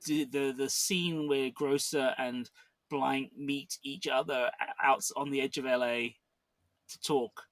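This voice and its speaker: A man's voice: mid-range voice, steady tone, a little slow, a bit bright, no echo. A man co-hosting a podcast, talking casually about a film with frequent restarts and fillers. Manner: rambling, many restarts and fillers. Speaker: podcast co-host.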